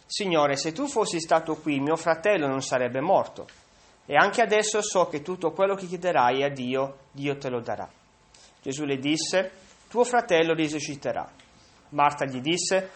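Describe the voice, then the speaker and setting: A man with a slightly high voice reads a long passage of scripture during a sermon. He stumbles and restarts now and then. After the reading he moves on to explaining it to his listeners. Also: a bit bright. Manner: occasional slips and restarts while reading. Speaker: preacher.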